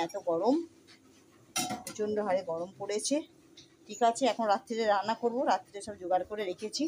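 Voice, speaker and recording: Woman vlogging while cooking at home, friendly chatty tone, lots of background noise. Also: medium pitch. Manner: chatty, addresses viewers as friends. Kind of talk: casual home cooking vlog. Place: home kitchen.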